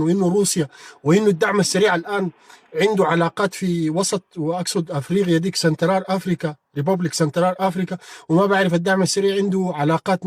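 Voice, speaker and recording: A political commentator on a live stream, a man with a Sudanese Arabic accent and a high-pitched voice, delivers a heated political monologue. He is combative and mocking, addressing his opponent directly. The recording is dry and of studio quality.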